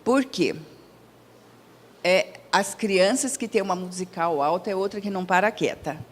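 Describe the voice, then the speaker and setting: A woman's voice: medium pitch, normal speed. A woman with a Brazilian Portuguese accent giving a public lecture, chatty and conversational, asking the audience questions and acting out quoted dialogue in her own voice. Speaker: lecturer at a spiritist center. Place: lecture hall. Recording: long hall reverb.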